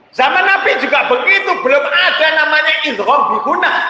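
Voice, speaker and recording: A man giving a religious lecture, animated, with laughing asides and sudden shouts. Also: extremely high pitch. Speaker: preacher. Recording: echoey hall, dull lo-fi sound.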